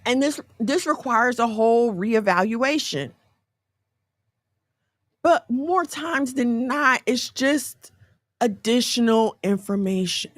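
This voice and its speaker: A woman in her forties giving casual, animated faith talk in a conversational, folksy way. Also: a little high, slow, no echo. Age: 40s.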